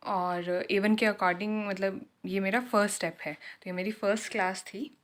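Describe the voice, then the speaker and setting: Unhurried woman sharing class notes. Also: medium pitch. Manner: unhurried, switching Hindi and English, self-correcting. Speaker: German learner teaching her class notes. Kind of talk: casual lesson.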